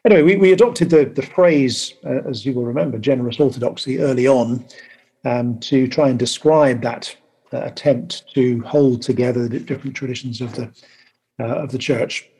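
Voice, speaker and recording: A man hosting a podcast over a video call, talking casually and haltingly with many pauses. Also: mid-range voice, mellow, husky, poor audio. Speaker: podcast host.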